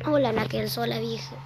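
A young Argentine streamer with a Rosario accent chats loosely as she plays, cursing casually and coughing lightly after just waking up. Her voice is a little high, and the phone-app recording carries background noise and loud game music.

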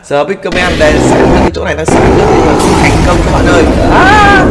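An excitable man reacts to a video, exclaiming often and speaking straight to his viewers. His voice sits high. A long echo trails each line, and loud background noise runs under everything. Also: quick pace, vocal fry. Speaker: video commentator.

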